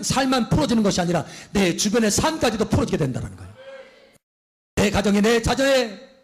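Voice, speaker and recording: A male pastor preaching a fervent sermon, often calling out hallelujah and putting questions to the congregation. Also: high voice.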